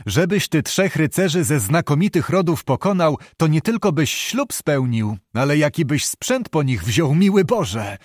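An old, gruff knight from a storybook, practical and worried, talking in blunt old-fashioned phrases, as a male reader puts him on. The voice sits fairly high and is recorded dry and close. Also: big pitch swings, a little slow, few pauses, no room sound. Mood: musing. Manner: archaic blunt speech.

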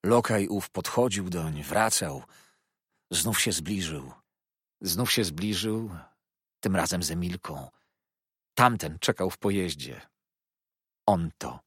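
Here is a man reading as a distressed young fisherman who forces out each word in a flat, toneless voice. The voice is low and husky. The sound is dry and close. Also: slow, pauses often, no room sound, heavily acted. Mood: strained. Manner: toneless, strained speech. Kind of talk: audiobook character reading.

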